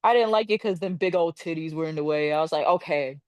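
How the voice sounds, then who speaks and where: A woman's voice: low voice, quick pace, a little mellow, clean tone, no room sound. A young adult woman talking as a podcast guest in casual, blunt, slangy and profane chat. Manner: blunt, informal.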